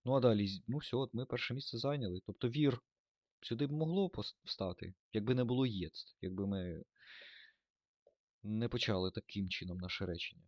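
A man's voice: lowish voice, fairly quick, a little mellow, no room sound, highs cut off. A man teaching German grammar in a lesson, thinking aloud with fillers and self-corrections.

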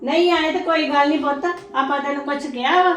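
A woman's voice: sits high, steady tone, fairly quick, a bit bright, slight background noise. A woman playing a middle-aged mother who soothes her daughter-in-law and scolds her son, saying again and again that it does not matter. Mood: scolding. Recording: echoey room.

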